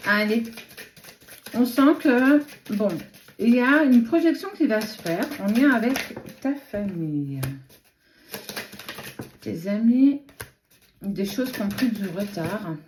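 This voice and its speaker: A woman's voice: mid-range voice, animated, slow, pauses often, a little mellow, slight background noise. A woman with a lisp, her s sounds slushy like sh, giving a spontaneous tarot reading and speaking directly to the listener with frequent asides. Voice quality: lisp with slushy sh-like s from a swollen tongue. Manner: direct second-person address, frequent asides. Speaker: tarot card reader and host. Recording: echoey room.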